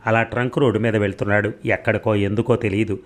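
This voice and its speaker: A middle-aged man narrates a story in a low voice. His reading is steady and measured, and he gives the characters' lines their own turn without breaking the flow. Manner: steady reading, voicing dialogue of both lovers.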